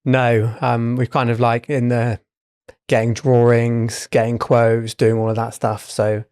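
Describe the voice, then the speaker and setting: A man's voice: mid-range voice, flat delivery, measured pace, a little mellow, clear, resonant tone, dry recording, studio quality. A man, co-hosting a podcast in casual chat, speaking thoughtfully and hesitantly with many fillers. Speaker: podcast co-host.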